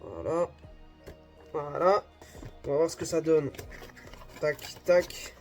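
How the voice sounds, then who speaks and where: A man with a slightly high voice chats casually to his viewers while unboxing, joking at his own expense along the way. Soft music plays faintly under his voice. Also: fairly even intonation, slow pace. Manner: chatty, self-deprecating, addresses viewers as "guys". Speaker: unboxing video host.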